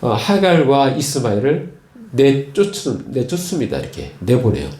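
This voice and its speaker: A male pastor preaching a sermon, retelling stories slowly with frequent fillers and repeated words. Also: medium pitch, huge pitch swings, darkish tone, roomy sound. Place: church.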